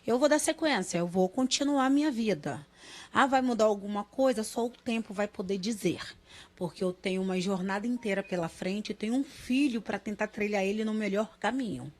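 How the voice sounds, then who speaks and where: A woman, a mother in her thirties, giving a halting, emotional interview and often quoting others in dialogue. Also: mid-range voice. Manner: halting, repeats words, quotes others in dialogue.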